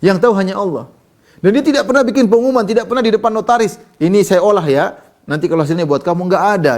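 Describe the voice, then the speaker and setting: Man, preacher, religious lecture, slightly high voice, recites then explains, animated storytelling, soft asides and emphatic peaks. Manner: swings between soft low asides and raised emphatic lines. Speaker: Islamic preacher.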